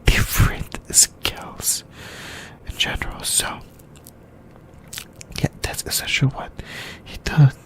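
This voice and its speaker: Very slow and whispered, like an ASMR video, this voice comes out haltingly in short phrases. It sounds like a YouTuber softly working through an anime discussion.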